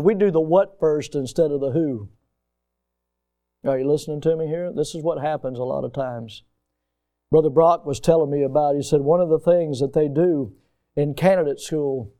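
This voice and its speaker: Male preacher, high voice, emphatic delivery in a sermon. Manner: emphatic, rising to loud peaks.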